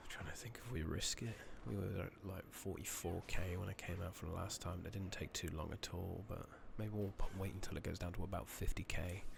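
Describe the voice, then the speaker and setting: In soft, whispering ASMR style, a British streamer casually muses over an online fantasy game, rambling and hesitant. His voice is very deep and crackly with lots of fry, delivered briskly with fairly even intonation, and the close makeshift microphone is noisy and slightly loud.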